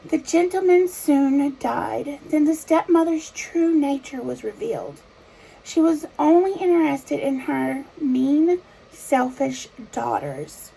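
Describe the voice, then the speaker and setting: A woman storyteller narrating in a measured, simple fairy tale opening manner for small children, with a creaky voice. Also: sits high, lively intonation, warm tone, low-quality recording.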